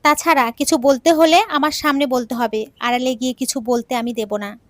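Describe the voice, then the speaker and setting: A woman's voice: sits high, steady tone, normal speed, no echo, close to an everyday voice. A woman voicing a smug, scheming young woman who taunts and orders around her rival in an audio story. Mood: bossy. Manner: taunting, mocking, commanding.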